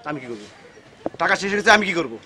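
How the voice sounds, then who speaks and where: A man playing an irritated bus passenger who scolds a loud caller on the bus. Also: sits high, big pitch swings, rapid-fire, a little hiss or hum, full character voice. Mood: annoyed. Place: on a city bus.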